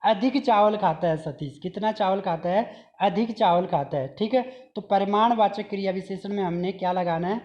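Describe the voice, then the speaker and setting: A man's voice: high-pitched, normal speed, few pauses, muffled recording. A man teaching an exam-prep grammar lesson. He drills each point by asking his own questions, answering them, and repeating the examples. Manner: repeats examples and says "okay" often.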